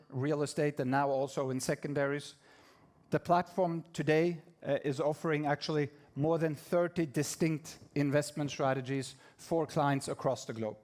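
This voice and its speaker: Male executive presenter, slightly raised pitch, measured corporate delivery with occasional hesitations. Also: a little mellow. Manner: measured, with frequent fillers and restarts. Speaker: executive presenting at investor event. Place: conference room.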